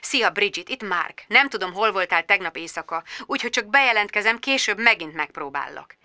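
A woman voicing a reserved man who speaks quietly and hesitantly. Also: mid-range voice, animated, no echo. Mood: subdued. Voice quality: quiet, subdued.

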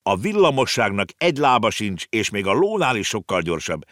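Male reader doing a blunt, grumbling old uncle for a storybook, lively and scolding. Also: fairly low pitch, no echo, clean studio sound, voice pushed up.

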